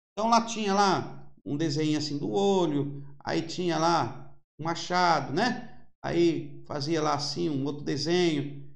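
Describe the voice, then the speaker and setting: A male preacher giving a fervent sermon, slowing down to explain Hebrew letters as if writing them on a board. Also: sits high, vocal fry, roomy sound.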